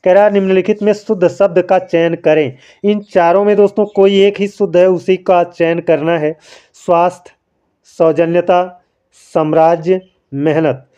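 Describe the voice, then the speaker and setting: A man's voice: high-pitched, fairly even intonation, unhurried, mellow, clean tone, lo-fi sound. A man teaching a Hindi spelling lesson, explaining each answer patiently and answering his own questions as he writes by hand. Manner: explains patiently, keeps calling listeners friends; asks questions and answers them himself.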